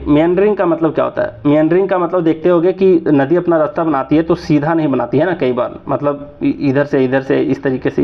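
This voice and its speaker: A man in his thirties with a Jharkhand Hindi accent teaches exam vocabulary in a chatty, explaining way, often checking that his listeners follow along. His voice sits a little high, and the recording sounds slightly dull and lo-fi. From Jharkhand, India.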